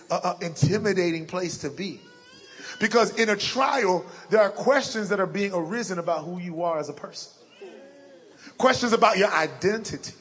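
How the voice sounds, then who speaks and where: A deep-voiced young man delivers a sermon, animatedly recounting a personal story and acting out the lines he quotes. His voice has a husky quality.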